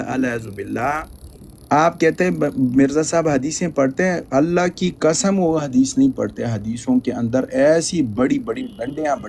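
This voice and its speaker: A man's voice: on the high side, darkish tone, a little hiss or hum. A man giving emphatic, polemical religious commentary, often stammering and repeating words.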